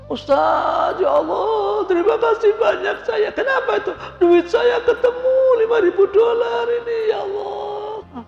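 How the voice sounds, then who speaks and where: A man voicing a wealthy male pilgrim who cries out with joy, laughing and sobbing in a high, strained voice. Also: measured pace, gravelly, hardly any pauses, lo-fi sound, exaggerated voice. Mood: tearful joy. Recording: echoey hall with faint music.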